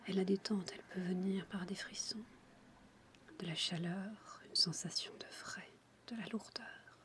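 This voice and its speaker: A woman guiding a relaxation in a breathy, intimate ASMR whisper, soothing and addressing the listener directly. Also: mid-range voice, steady tone, a little slow, fairly bright tone. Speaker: relaxation guide for childbirth.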